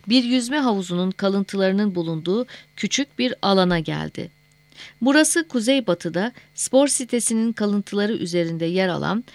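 A woman narrating a novel as an audiobook in a measured, steady reading voice. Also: mid-range voice, no echo.

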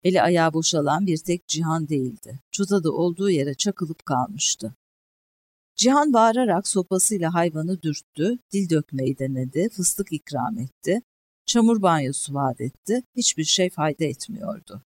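A narrator reading a historical novel aloud as a steady audiobook narration, lifting the voice on key moments. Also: medium pitch, dry recording. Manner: measured storytelling with lifted emphasis on key moments.

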